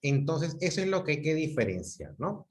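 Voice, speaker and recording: A man's voice: fairly high pitch, very animated, moderate pace. A man from Peru teaching a class over a video call, patiently repeating examples and checking that students follow. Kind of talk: online class lecture.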